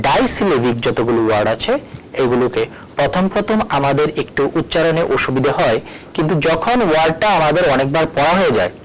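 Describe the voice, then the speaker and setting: A man's voice: on the high side, a little hiss or hum, rough recording. A male teacher giving a recorded board lesson. He spells words out letter by letter and moves between Bengali and English as he explains. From Tripura, India. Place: at a board, erasing and writing.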